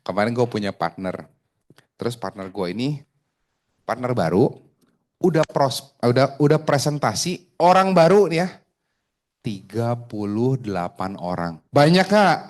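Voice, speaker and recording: Joking insurance sales trainer. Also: male voice, mid-range voice, lively intonation, unhurried, a little mellow. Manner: joking, chatty, asks the room questions. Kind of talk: casual training talk to a group.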